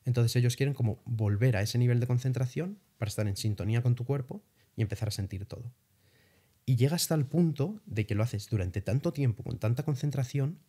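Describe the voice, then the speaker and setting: A man's voice: medium pitch, fairly quick, slightly rough. A young man from Spain, telling his travel experiences as a guest in a casual interview, swearing lightly as he goes. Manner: animated storytelling with casual swearing.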